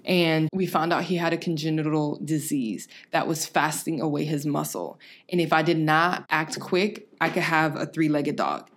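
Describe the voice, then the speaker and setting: A young woman with a low voice shares a personal faith story on a podcast. She talks earnestly and casually, with plenty of "like" and "literally" in her phrasing. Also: fairly even intonation, moderate pace. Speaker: podcast co-host. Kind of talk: casual faith testimony chat.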